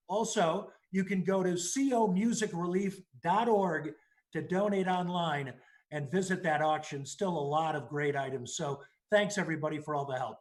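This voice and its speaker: A man working as a radio host, making upbeat donation appeals during a benefit broadcast. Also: fairly high pitch. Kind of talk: broadcast fundraiser hosting.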